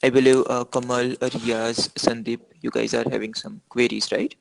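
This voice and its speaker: A man's voice: mid-range voice, little pitch movement, normal speed, creaky, a little hiss or hum, rough recording. A man teaching an online class over a video call, answering questions with many fillers and restarts. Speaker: instructor.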